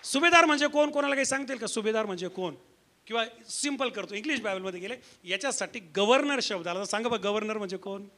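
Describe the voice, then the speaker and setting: Male pastor, very high and piercing voice, emphatic call-and-response sermon to a congregation. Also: lively intonation, fast, sharp tone. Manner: emphatic, rhetorical questions to the congregation. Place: church before a congregation.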